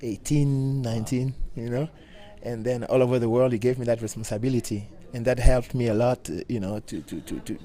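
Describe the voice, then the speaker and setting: A middle-aged man from Cameroon, a bassist talking casually in an interview with many halting restarts. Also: warm tone. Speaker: guest bassist.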